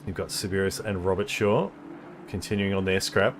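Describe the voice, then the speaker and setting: Low-voiced man commentating a sim race. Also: steady tone, moderate pace, slight background noise. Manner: thinking aloud, explaining tyre details with many ums.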